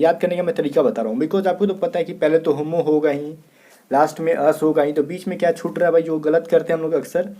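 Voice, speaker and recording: Spelling out letters slowly, one by one, an Indian teacher runs an exam prep class and keeps checking on his students, often saying "theek hai." He has a warm voice that sits on the high side.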